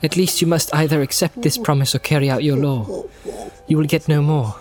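A man voicing an earnest, polite young hobbit in an audiobook, lifting his voice softer and higher than his narration. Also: a little fast, music in the background, lightly acted. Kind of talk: audiobook character voice.

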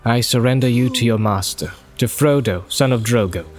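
A man's voice: medium pitch, faint music behind, natural voice. A man doing a grave, stately captain. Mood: solemn. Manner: measured, formal and solemn. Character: grave noble male captain, stern and just. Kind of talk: audiobook character voice.

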